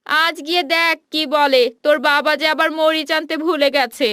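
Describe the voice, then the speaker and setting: A woman's voice: high voice, fairly even intonation, bright, forceful tone, dry recording, clean studio sound. A woman voicing a busy, caring village mother in a cartoon. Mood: brisk. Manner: brisk, motherly.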